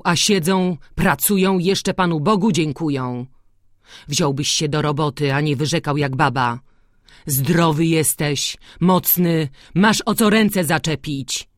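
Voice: mid-range voice, unhurried, no echo, studio quality, close to an everyday voice. A reader voicing a stern older male village priest who lectures and admonishes, in an audiobook. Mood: scolding.

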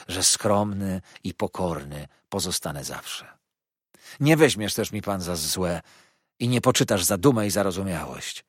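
A man's voice: on the low side, slightly rough, no room sound, clean studio sound. A man voicing a sly, falsely humble young male clerk who talks in a sugary, wheedling, obsequious way.

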